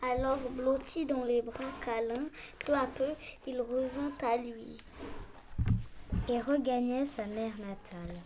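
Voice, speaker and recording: Slow, high-voiced woman reading a story. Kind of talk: scripted children's story narration, read aloud. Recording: clearly noisy recording with clicks.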